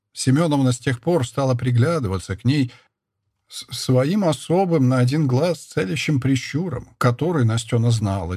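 A man narrating a literary novel in a measured, steady scripted reading. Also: medium pitch, slightly rough, no echo, clean studio sound. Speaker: audiobook narrator.

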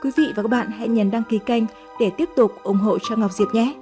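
A woman narrating an audiobook story in a gentle, measured way. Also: fairly high pitch, music in the background.

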